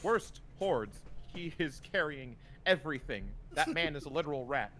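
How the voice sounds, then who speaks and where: A man with a bright, forceful voice that swings up and down a lot as he jokes through a casual group chat. He is a game writer on a live stream, riffing and breaking into bits. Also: a little high, expressive, moderate pace, slight background noise.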